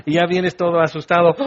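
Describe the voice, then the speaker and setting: Middle-aged man preaching, high-pitched voice, lively and theatrical, slightly muffled recording. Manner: animated, acts out scenes with shouts and laughs. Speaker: pastor. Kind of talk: sermon.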